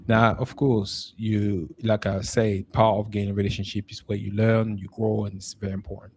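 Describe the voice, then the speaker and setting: A man's voice: lowish voice, flat delivery, normal speed, a little hiss or hum. A man co-hosting a spiritual talk, giving relationship advice with hesitant fillers. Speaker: co-host.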